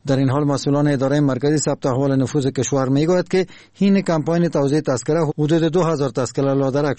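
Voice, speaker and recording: Mellow radio reporter with an Afghan Dari accent. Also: male voice, mid-range voice, dry recording. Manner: steady and formal. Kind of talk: scripted news report. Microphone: studio microphone.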